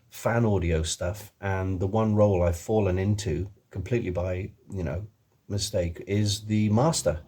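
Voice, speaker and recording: A middle-aged man with a low, mellow, husky voice and an accent blending English and Welsh chats casually to camera. He is an author, illustrator and voice actor, and he rambles along with plenty of ums and restarts.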